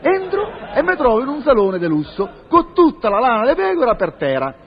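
A man spins a rustic comic tale in a very high, nasal-sounding comic pitch, rambling and firing off rhyming curses. The recording is slightly dull, with a faint audience behind him. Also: wildly swooping pitch, fairly quick, some chatter behind. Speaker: comedian telling a comic monologue.

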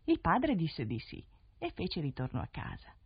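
A woman narrates a fairy tale in an expressive, lilting voice, slightly low with lively pitch and a husky grain. It is a 1970s radio broadcast, and the sound is dull and dry. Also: moderate pace, no echo. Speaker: storyteller.

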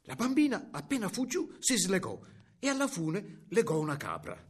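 A man narrating a fairy tale in an expressive, animated reading. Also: high-pitched, moderate pace, breathy edge. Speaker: storyteller.

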